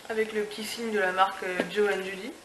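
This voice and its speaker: Speaking fast in a level, medium-pitched tone, this young female beauty and lifestyle vlogger rambles through an unboxing review, full of fillers and restarts as she raves about the product. Background noise and room echo are audible.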